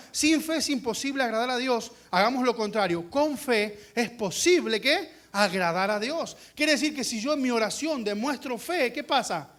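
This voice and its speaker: A man's voice: very high voice, a bit bright. A male pastor preaching a sermon with passion, asking the congregation questions and acting out voices. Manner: impassioned, acts out voices, rhetorical questions.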